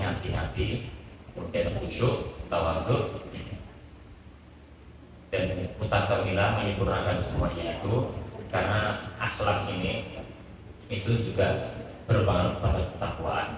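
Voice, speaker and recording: A man, giving a religious study sermon. He explains slowly and recites Arabic phrases. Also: low voice, a little hiss or hum. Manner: explains slowly, quotes Arabic, mixes in local Javanese words. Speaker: Islamic preacher. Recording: echoey hall mic from far off.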